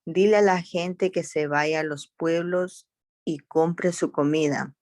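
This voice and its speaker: Worried male disciples read by a woman, low, slow, dry. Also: steady tone, a little mellow, no echo.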